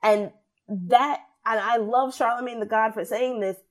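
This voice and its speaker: A young woman talking through her views in a casual podcast conversation. She is opinionated and animated, acting out what other people said as she goes. Her voice sits a little high. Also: unhurried.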